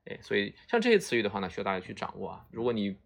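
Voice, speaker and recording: A man's voice: lowish voice, very animated, rapid-fire, gravelly. A man teaching Japanese vocabulary in a lecture, explaining each word patiently and checking in with listeners often. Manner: explains patiently, tags phrases with "啊" and "对吧".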